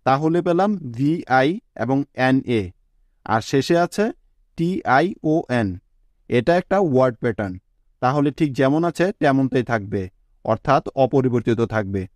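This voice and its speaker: Slow, deliberate man teaching pronunciation. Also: mid-range voice, expressive, a little mellow, no echo, studio quality. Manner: slow, deliberate spelling out of letters and syllables. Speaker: English teacher. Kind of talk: scripted spoken lesson.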